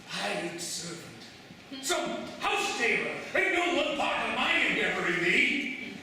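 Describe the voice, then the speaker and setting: Hombre interpretando a un padre cortesano pomposo, voz muy aguda. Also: male voice, very high voice, pushed and bright, full character voice. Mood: indignant scolding. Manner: pompous, theatrical, declamatory. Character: pompous scheming father, a fawning courtier pressing his daughter. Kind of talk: classical verse stage drama. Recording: echoey hall, distant mic, faint noise.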